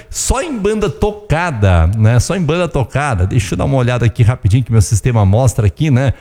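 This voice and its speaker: A middle-aged radio host with a medium-pitched, darkish voice runs a casual show full of ads and song requests. He chats constantly and keeps tagging questions to his listeners, though his voice sounds strained and close to giving out.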